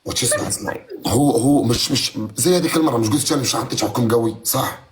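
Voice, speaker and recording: A man's voice: medium pitch, quick pace, noisy background. A man bantering playfully as a rival streamer on a live stream.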